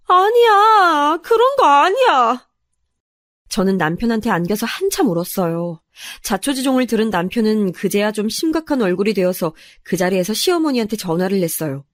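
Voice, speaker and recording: Woman narrator, scripted storytelling, soft confiding tone, middle pitch, dry close sound. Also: no room sound. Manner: soft, confiding first-person telling.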